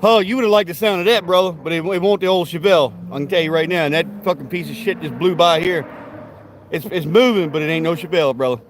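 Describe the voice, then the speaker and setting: Talking fast in a fairly high voice, a livestream host rambles at an outdoor backyard grill, tossing out profane trash talk and folksy, rowdy banter to viewers. Slight background noise can be heard.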